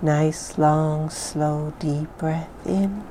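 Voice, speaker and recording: Slow, soft-spoken woman guiding meditation. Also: low-pitched, a little hiss or hum. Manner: soft, calm, soothing delivery with breathy phrase endings. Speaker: mindfulness exercise guide. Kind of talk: guided meditation, soothing instruction.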